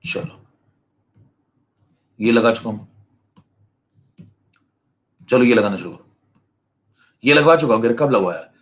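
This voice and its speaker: A young male chemistry teacher giving an online class lecture, brisk and teasing, now and then mimicking slow students. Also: medium pitch, animated, fairly bright tone. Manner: brisk, teasing, acts out lazy students in asides.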